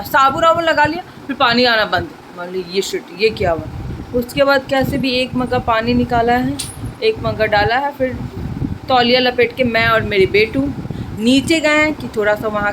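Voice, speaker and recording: A woman's voice: a little high, noisy background. A young woman chatting to her viewers in a casual home vlog, filmed on a phone. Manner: chatty, talks straight to viewers. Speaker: vlogger. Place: home and rooftop, indoors and out.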